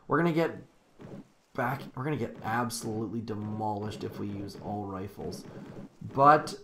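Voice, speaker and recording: A man's voice: medium pitch, a little hiss or hum. A man live-streaming a strategy game, giving casual, upbeat, rambling commentary, correcting himself and cheering on his troops aloud.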